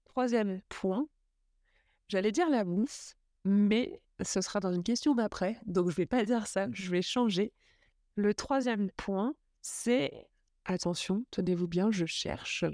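A woman's voice: mid-range voice, takes it slowly, a little mellow. A young woman talks casually into a close microphone. She sounds enthusiastic and chatty and often stops to look for her words. The sound is dry, with no room echo. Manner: chatty, enthusiastic, many fillers. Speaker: podcast host. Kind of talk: casual travel chat.

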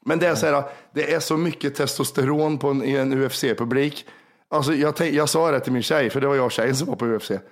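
A man with a hoarse voice worn down by illness, chatting on a podcast. He tells long, rambling stories in a loose, casual way and swears freely. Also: medium pitch. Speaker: podcast co-host. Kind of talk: casual chat.

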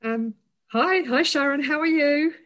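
A woman hosts a relaxed podcast conversation with upbeat enthusiasm, keen to ask questions. Her voice sits a little higher than most women's. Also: unhurried. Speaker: podcast host. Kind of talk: casual podcast chat.

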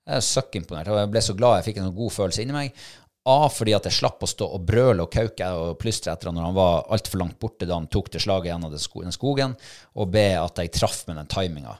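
A middle-aged man, telling a hunting-trial story in a casual chat and acting out his own thoughts and shouts. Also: deep voice. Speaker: podcast co-host, hunting dog handler.

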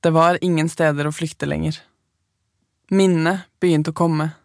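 A woman, the podcast's narrator, telling her own story in calm, measured, scripted first-person narration. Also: low-pitched, vocal fry, dry recording, studio quality.

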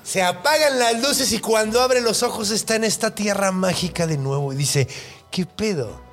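A high, lively young man with a Mexican Spanish accent, telling a story in loose, profane slang and voicing every character as he goes. His voice climbs and dips all over. Soft music plays underneath. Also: normal speed, vocal fry. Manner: slangy, crude, animated retelling with acted-out quotes. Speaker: podcast host. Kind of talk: casual storytelling chat.

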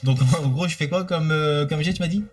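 A man's voice: on the high side, a little fast. A man playing a tabletop game, joking around and thinking aloud about his moves. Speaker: player. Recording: distant mic, faint music.

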